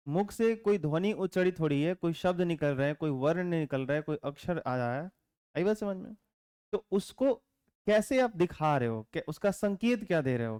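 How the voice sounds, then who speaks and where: A man teaches a class at a steady, patient pace. His voice is smooth and sits a little high, and the dry sound carries little room echo. He keeps asking his students whether they have understood. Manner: asks the class frequent check questions; calm explaining tone with teasing asides. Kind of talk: classroom lecture. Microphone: camera mic in classroom.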